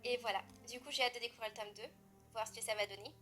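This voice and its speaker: A woman's voice: on the high side, fast, sharp tone. Chatty French woman, music behind. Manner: chatty, rambling, with frequent fillers and self-corrections. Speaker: book vlogger. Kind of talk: casual chat.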